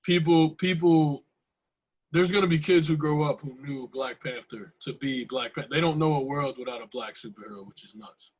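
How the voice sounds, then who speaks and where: A man's voice: mid-range voice, a little fast, hardly any pauses, breathy edge, rough recording. A young man hosting a podcast in casual, slangy conversation, repeating phrases for emphasis. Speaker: podcast host.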